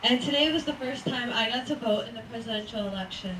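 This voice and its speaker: A woman's voice: a little high, a bit bright. A nineteen-year-old American woman giving an earnest, prepared statement at a press conference. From United States. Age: young adult. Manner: earnest, measured, reading prepared remarks. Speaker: first-time voter giving a statement. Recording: echoey room, mic at a distance, faint noise.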